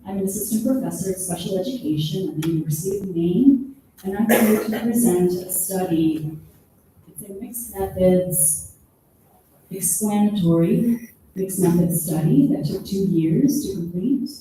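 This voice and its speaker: A woman gives an academic conference presentation, explaining her study at a measured pace. Her voice sounds very dark and dull, and she stands well back from the microphone. A strong echo from the hall surrounds every word. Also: mid-range voice, slight background noise. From born in Peru, raised in the United States. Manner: measured and explanatory, stretching key terms. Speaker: special education professor presenting research. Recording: echoey room, voice distant from the mic.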